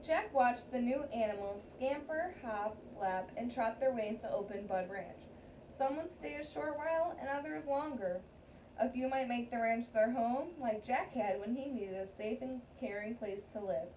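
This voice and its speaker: A teacher reading aloud to her class has a mellow, slightly high voice and a moderate pace. She addresses the young pupils directly, frequently asking "right?" or "okay?", while a far-off mic picks up clear room noise.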